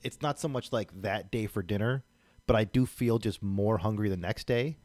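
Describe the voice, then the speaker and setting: A man's voice: on the low side, normal speed, darkish tone, no room sound, soft background music. A man co-hosting a podcast, chatting casually in a hesitant, stammering way. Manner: hesitant, stammering, lots of fillers. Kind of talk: casual chat.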